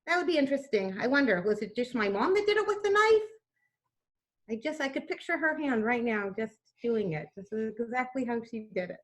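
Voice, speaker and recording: A woman's voice: on the high side, sing-song, fairly quick. A woman teaching a casual cooking demonstration over a video call. She talks in a chatty, homey way and often restarts her sentences. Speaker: cooking class instructor.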